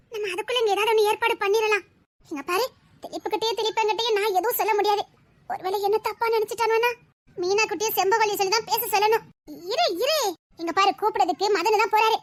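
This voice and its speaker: A woman with a Tirunelveli accent voicing an anxious, secretive young village woman in an audio drama, in quick dialect speech. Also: very high voice. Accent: Tirunelveli Tamil.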